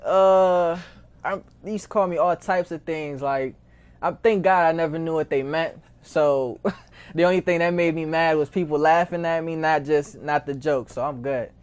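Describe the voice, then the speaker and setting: This record label founder, a Haitian-born nineteen-year-old who moved to Maryland at seven, is being interviewed and answers in a laid-back, slangy American-accented way, repeating phrases frequently. His voice sits fairly high, with a steady tone, a moderate pace, and a clear, resonant quality.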